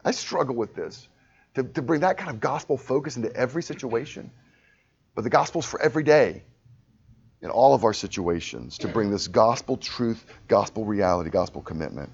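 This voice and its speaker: A man's voice: medium pitch, gravelly, darkish tone, husky, dull audio. A man preaching a sermon in a conversational, self-deprecating way, often restarting and acting out little quotes. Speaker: pastor.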